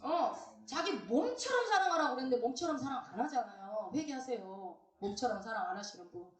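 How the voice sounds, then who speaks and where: A middle-aged woman pastor giving a lively, teasing sermon, asking questions and acting out quoted voices. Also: on the high side, a little fast. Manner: animated, teasing, acts out quoted voices, asks the congregation questions. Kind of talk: lively Bible-study sermon. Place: church hall. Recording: roomy church sound, mic some distance off.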